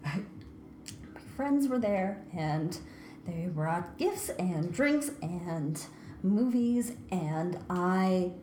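A woman's voice: fairly low pitch, animated, extremely slow, warm tone, voice pushed down. A woman playing a frantic, easily overwhelmed young woman in an improv comedy scene. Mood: distressed. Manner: frantic and dramatic. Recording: roomy echo, faint noise.

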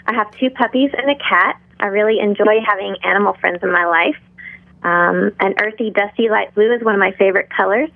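A middle-aged woman speaking in a calm, measured, instructional manner, like a yoga teacher guiding a class. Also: mid-range voice, gravelly, no room sound. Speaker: yoga instructor, interview guest. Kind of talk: interview talk with guided breathing and pose instruction. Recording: tinny narrow phone-like line.

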